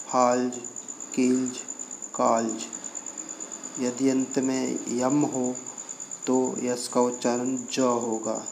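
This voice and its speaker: A man explains pronunciation rules at an unhurried pace, naming letters one by one and saying each example word twice. His voice stays level and even, with little rise and fall. Faint crickets and insects chirp behind him. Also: mid-range voice, slight background noise. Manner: slow, deliberate, spelling out letters one by one and repeating example words. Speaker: English pronunciation teacher. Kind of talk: Hindi-language explanation of English pronunciation.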